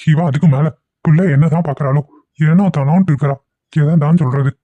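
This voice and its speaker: A man's voice: a little high, fairly even intonation, a little fast, no echo, narrow, tinny audio, natural voice. A man voicing a worried, impatient middle-aged father who scolds his wife, in a cartoon. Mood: worried, scolding. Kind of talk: cartoon voice acting.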